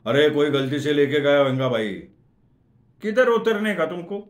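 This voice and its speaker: A man voicing hurried train passengers urging someone to get off. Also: fairly high pitch, animated, echoey room, lightly acted.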